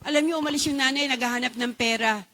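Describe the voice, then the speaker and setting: A woman preaching a sermon. Her voice sits high and rings bright and forceful, and she keeps turning to the congregation to ask for their agreement. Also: fast talker. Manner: animated, calls out to the congregation for assent.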